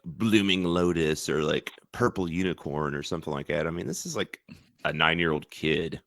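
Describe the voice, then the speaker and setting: Very deep, gravelly man ranting in chat. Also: brisk, no room sound, studio quality. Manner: animated, stammering restarts, ranting. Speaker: podcast co-host. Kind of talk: casual chat.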